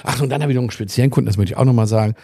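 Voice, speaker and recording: A man with a rough, gravelly voice and some breath in it tells a story in a casual podcast chat. He is recorded close and dry, swears freely and acts out the other people in his story. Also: mid-range voice, racing, warm tone, no room sound. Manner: acts out dialogue in his anecdotes. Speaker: podcast co-host.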